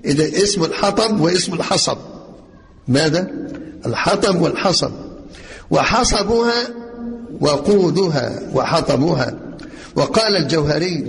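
A man's voice: on the high side, vocal fry. A man with an Egyptian Arabic accent gives a religious lesson on Quran commentary and quizzes his listeners with rhetorical questions. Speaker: religious teacher. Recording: long reverb, faint noise.

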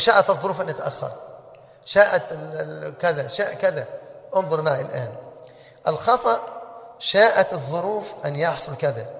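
A man's voice: on the high side, creaky, sharp tone. A man teaching a religious lesson, who keeps asking his listeners rhetorical questions. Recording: long hall reverb.

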